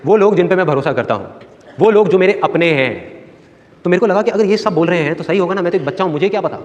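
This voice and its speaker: A man's voice: high voice, lively intonation, fast talker, lo-fi sound, slight background noise. A man giving a live motivational talk to an audience, telling childhood stories animatedly and acting out family members' voices. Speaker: motivational speaker. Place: stage in a large hall with audience. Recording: reverberant hall with audience.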